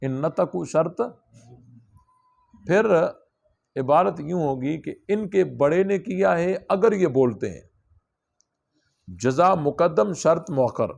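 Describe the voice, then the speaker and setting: A man's voice: fairly high pitch, lively intonation, creaky, pauses often, darkish tone. A man teaching a religious class, explaining a text step by step and asking his students questions. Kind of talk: classroom lesson on scripture.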